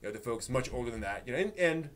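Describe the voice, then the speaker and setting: In a casual group conversation, a live stream host talks in a chatty, joking manner with a mid-range voice. He speaks very fast with lively intonation, and the background noise and ambience are clearly audible.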